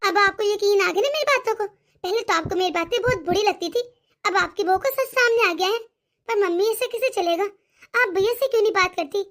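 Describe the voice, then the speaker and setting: Brief: woman doing a whiny cartoon daughter, young and meddling, sharp high-pitched scolding. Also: fairly quick. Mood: scheming. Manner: sulky, scolding, dramatic. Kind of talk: animated cartoon voice acting.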